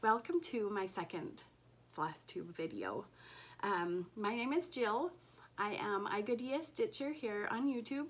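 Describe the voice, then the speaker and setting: A woman recovering from an illness chats casually to camera as a cross-stitch vlogger at home, gushing and slipping into soft whispers over her stitching. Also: on the high side. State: recovering from illness, voice recently lost.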